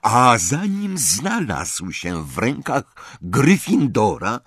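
A man's voice: medium pitch, very animated, a bit bright, breathy edge, dry recording, studio quality, pitched above the performer's own voice, heavily acted. A man voicing a stern, proud goblin. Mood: indignant. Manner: slow, clipped, deliberate speech. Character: stern proud male goblin, cold and haughty.

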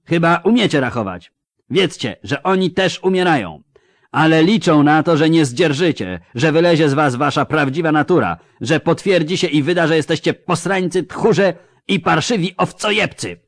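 A man's voice: on the high side, expressive, normal speed, no echo, studio quality, pitched above the performer's own voice. A man voicing a crude, sarcastic army commander who mocks and bellows orders at his foot soldiers in an audiobook. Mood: bellowing. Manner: mocking, coarse, barking orders. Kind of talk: audiobook character voice.

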